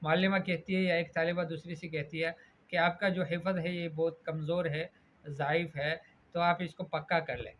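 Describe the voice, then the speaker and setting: A man teaching a lesson on Arabic pronunciation, reading phrases slowly and then translating and correcting them. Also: fairly high pitch, flat delivery, a bit bright. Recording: dull lo-fi audio with faint background noise.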